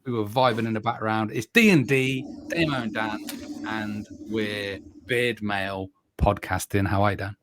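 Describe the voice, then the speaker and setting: A man co-hosting a podcast from his home, chatting casually and loudly with rambling stories and jokes. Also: lowish voice, steady tone, normal speed, slight background noise. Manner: loud, bantering, rambling storyteller. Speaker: podcast co-host. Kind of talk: casual chat. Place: home second bedroom. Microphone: desktop USB microphone.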